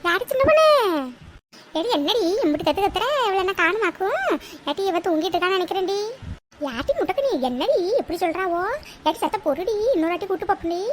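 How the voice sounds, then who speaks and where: Woman doing squeaky teasing village gossips. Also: lively intonation, fast talker, noisy background. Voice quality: squeaky, mocking, calling out loudly. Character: two teasing female village friends, gossipy. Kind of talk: cartoon voice acting.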